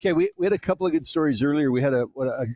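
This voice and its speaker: A man's voice: on the high side, racing, warm tone. A man hosting a live sports podcast, prompting his guest with questions. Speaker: podcast host. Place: live event at a dinner.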